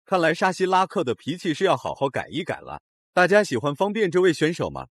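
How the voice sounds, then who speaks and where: Man, fight recap narrator, husky, animated, dry close sound. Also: a little high, fast, no room sound. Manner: dramatic, opinionated storytelling. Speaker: video narrator.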